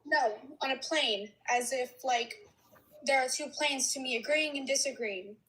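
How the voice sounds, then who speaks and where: A young woman calling into a livestream, arguing her point in a measured, calm way. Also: sits high, poor audio. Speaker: caller on a livestream. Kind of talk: debate with a livestream host.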